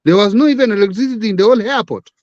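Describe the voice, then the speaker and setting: A man's voice: high-pitched, racing, darkish tone, no echo, muffled recording. A Kenyan man talking politics as a guest, emphatic and full of rhetorical questions, switching between English and Swahili. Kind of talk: live-stream political chat.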